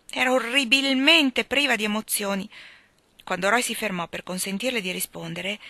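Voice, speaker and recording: A woman reading a novel aloud in an expressive audiobook style. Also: mid-range voice, dry recording. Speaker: audiobook reader.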